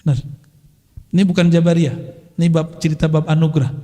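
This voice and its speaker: A man's voice: a little high, level tone, quick pace, mellow. A middle-aged man preaching a religious study talk in a casual, conversational way, weaving in Arabic phrases. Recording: long hall reverb.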